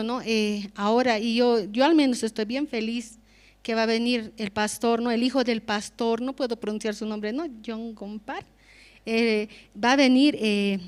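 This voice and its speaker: Woman giving church testimony, high voice. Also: smooth. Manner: conversational, frequent rhetorical questions and "¿no?".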